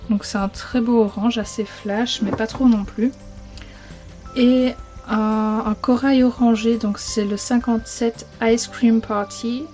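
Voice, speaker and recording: A woman with a Belgian French accent talks casually to her viewers in a slightly high but mellow, relaxed voice. She rambles a bit and corrects herself mid-sentence. Soft background music plays faintly behind her. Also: a little slow. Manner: chatty, rambling, frequent self-corrections and fillers. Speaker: beauty vlogger. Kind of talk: casual chatty video.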